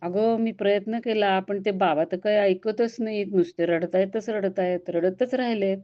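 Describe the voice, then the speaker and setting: A woman voicing a young divine cowherd boy who gently coaxes and soothes. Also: medium pitch, moderate pace, muffled recording, close to an everyday voice. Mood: exasperated. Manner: coaxing, soothing.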